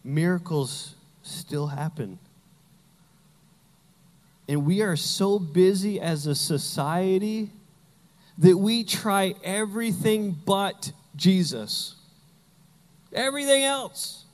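A man's voice: high voice, animated, slow, long pauses, long reverb tail. A man preaching a sermon as pastor, telling Bible stories with humor and acting out the characters.

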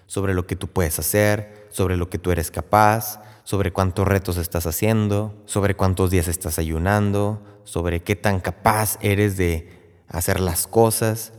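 Give me a man preaching conversationally, slightly low pitch, in a reverberant hall. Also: fairly even intonation, unhurried. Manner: conversational, frequent tag questions. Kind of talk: Lenten sermon retelling a Bible story.

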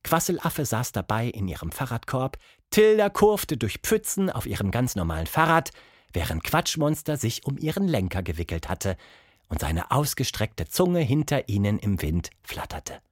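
Expressive storybook narrator man. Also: moderate pace, no echo, clean studio sound. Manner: expressive, voices characters with pitch jumps.

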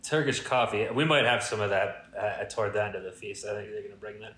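A man's voice: on the low side, quick pace, a bit bright, echoey room. A man co-hosting a comedy podcast in casual improvised chat, with a jokey mock-regal manner. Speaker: podcast co-host.

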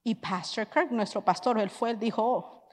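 Animated woman preaching in a hall. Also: fairly high pitch, moderate pace. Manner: animated storytelling, mixing in English phrases. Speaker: pastor's wife and preacher. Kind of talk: sermon storytelling.

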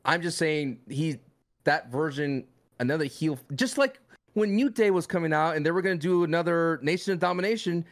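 A man with a fairly high voice, co-hosting a podcast in loose, lively chat. He talks in bursts and restarts his sentences a lot. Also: brisk. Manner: animated, jumps into mock voices and restarts. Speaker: podcast co-host. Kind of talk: casual chat.

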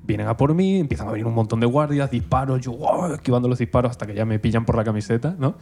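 A man co-hosts a casual podcast. He jokes, chips in and tells his own stories in a mid-pitched, everyday voice. Faint music plays behind him. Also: warm tone. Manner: joking, quick interjections. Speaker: podcast co-host. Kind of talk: casual chat.

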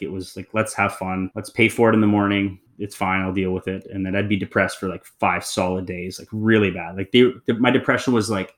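A man in his thirties, an interview guest telling his personal story in a candid, reflective, loose conversational way. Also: fairly low pitch.

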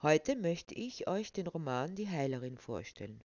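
A woman presenting a novel and reading an excerpt aloud in a measured, expressive way. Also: sits low, dry recording. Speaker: book presenter and reader. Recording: slightly dull, dry sound.

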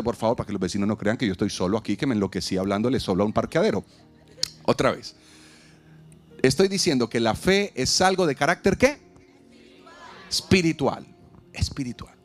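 Animated pastor preaching outdoors. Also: male voice, fairly high pitch. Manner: animated, humorous, acts out dialogues, asks the crowd to repeat. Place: outdoors in a parking lot.

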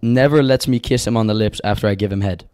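A man's voice: on the low side, quick pace, a little mellow, no echo, studio quality. A man co-hosting a podcast, bantering casually and reading out confessions in blunt slang, repeating phrases for emphasis. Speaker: podcast co-host. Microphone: close podcast microphone.

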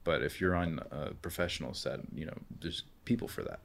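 A man's voice: very deep voice, brisk, a bit bright, a little hiss or hum. A young man hosting a podcast, chatting casually with lots of fillers and the odd profane joke. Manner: rambling, heavy on fillers, joking and profane. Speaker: podcast host. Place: indoor room, in person.

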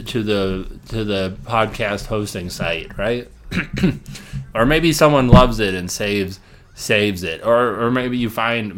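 A middle-aged man from Illinois, United States, hosts a solo podcast in a fairly low, fairly bright voice. He thinks aloud and rambles, restarting and repeating words, with small laughs and casual swearing.

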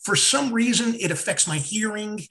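A man co-hosting a casual chat podcast, telling stories in an animated way and acting out his own confusion. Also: high voice, moderate pace. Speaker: podcast co-host.

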